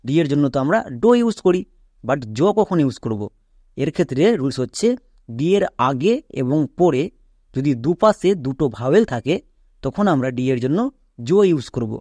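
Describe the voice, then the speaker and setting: Man teaching spelling with a mellow, dry voice. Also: fairly high pitch, no room sound. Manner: asks the viewer questions, then answers them himself; spells words out letter by letter, slowly. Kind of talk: explanatory lesson.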